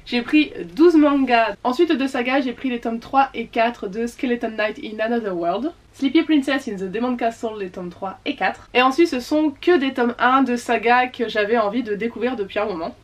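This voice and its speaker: A woman's voice: fairly high pitch, moderate pace, few pauses. A woman chatting casually about her latest book purchases, with many fillers and self-corrections. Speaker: book vlogger. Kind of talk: casual book haul chat.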